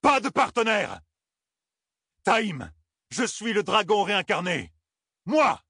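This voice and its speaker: A man voicing a young male hero in an audiobook, stern and commanding, rising to shouts when angered. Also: medium pitch, fairly quick, no room sound, studio quality, pitched above the performer's own voice, close to an everyday voice. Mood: furious.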